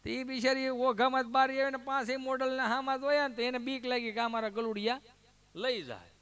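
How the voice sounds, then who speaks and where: A man telling comic folk stories on stage in a Kathiawadi Gujarati accent. His voice is high and bright. He switches lively into the voices of the people in his anecdotes. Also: brisk, clear, resonant tone. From Amreli district, Gujarat. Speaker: folk comedian storyteller.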